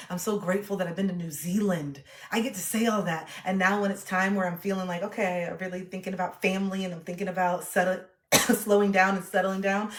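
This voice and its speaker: Woman late 30s just chatting on stream, lively, kinda echoey room. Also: fairly low pitch. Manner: chatty, animated, reacts to chat. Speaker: livestreamer. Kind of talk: casual chat to a live chat.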